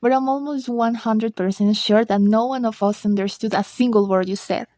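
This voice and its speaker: A woman's voice: on the high side, moderate pace, close to an everyday voice. A woman voicing a sweet little girl. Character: sweet nine-year-old girl, polite and cheeky. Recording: soft music underneath.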